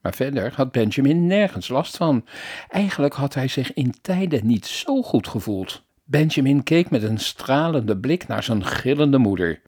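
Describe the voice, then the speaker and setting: Husky, expressive male storyteller. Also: mid-range voice, measured pace. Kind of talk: children's story reading.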